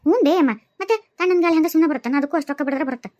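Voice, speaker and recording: A gossiping village woman chats quickly with her neighbors in a North Karnataka Kannada accent, as a woman voices her. Her voice is high and fast. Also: darkish tone, lightly acted. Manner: chatty, gossiping. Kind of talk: cartoon voice acting.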